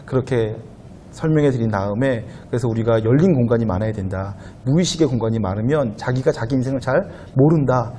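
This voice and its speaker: A man pastor giving a conversational sermon to a young adult congregation in a church, at times growing louder and higher as he presses a point. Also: slight background noise. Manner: conversational preaching, rising loud and high when animated. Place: church sanctuary.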